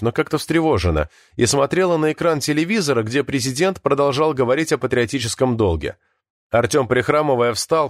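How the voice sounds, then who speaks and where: A man's voice: medium pitch, no room sound, studio quality. A man reading an audiobook in a storytelling manner. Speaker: audiobook narrator. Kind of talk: scripted narration.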